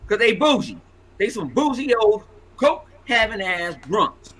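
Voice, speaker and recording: A man in his forties hosting a podcast, ranting in a loud, profane, animated way. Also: high-pitched, unhurried, rough recording. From Los Angeles. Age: 40s. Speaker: podcast host. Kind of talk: casual podcast banter.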